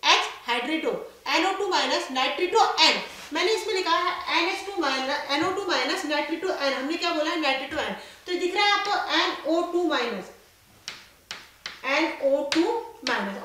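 Sitting high and a bit bright, this woman's voice belongs to a chemistry lecturer who asks questions of her class and supplies the answers herself. She sprinkles English terms through her talk, and the room is very echoey with a faint hum of noise.

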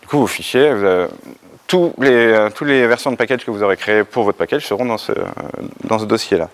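Low-voiced man presenting a tech talk. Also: fairly quick. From France. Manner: hesitant, many fillers and restarts. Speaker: conference speaker. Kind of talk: technical conference talk.

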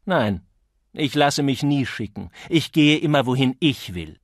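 A man with a mid-range, expressive voice, pushed down and delivered unhurriedly with no room sound, voices an audiobook character. The character is a cool, enigmatic man who mocks and toys with his listener, teasing in a dry, condescending way.

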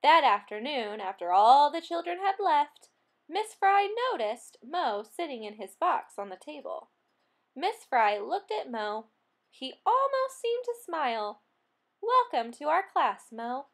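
A woman reading a children's picture book aloud, expressive and playful, acting out the animal sounds. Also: high voice, unhurried. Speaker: storybook reader.

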